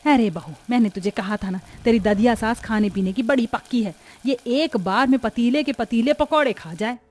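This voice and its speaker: Woman doing a high bossy greedy old granny. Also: moderate pace, darkish tone, close to an everyday voice. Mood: boastful. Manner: commanding, scolding. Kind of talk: animated story voice acting.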